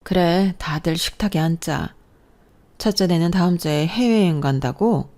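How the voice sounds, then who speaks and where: Woman putting on an older mother-in-law, stern, scolding, low warm voice. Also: normal speed, natural voice. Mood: plain. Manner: scolding, firm.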